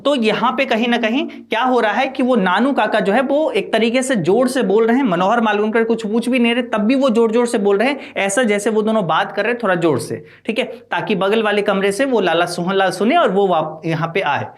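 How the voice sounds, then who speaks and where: A male teacher works through a text line by line. He reads each English line slowly and then explains it in Hindi. He keeps adding "है ना" and fillers as he goes. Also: sits high.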